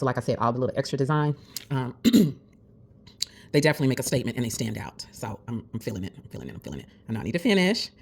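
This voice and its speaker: A woman's voice: low-pitched, a little mellow. A woman vlogger chatting through a nail tutorial, calling viewers besties in a friendly, encouraging way, with the hiccups. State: has the hiccups. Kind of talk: casual tutorial chat.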